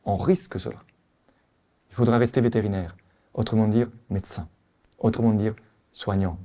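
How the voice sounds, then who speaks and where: With a lowish voice and moderate pace, a middle-aged man with an Italian accent gives a spirited conference lecture on veterinary topics as a specialist, posing plenty of rhetorical questions.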